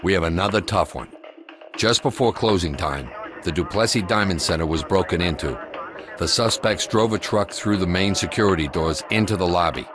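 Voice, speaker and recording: A man playing a grave, commanding American SWAT commander, delivering a measured, matter-of-fact mission briefing for a video game. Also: sits low, over music, close to an everyday voice. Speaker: police tactical commander.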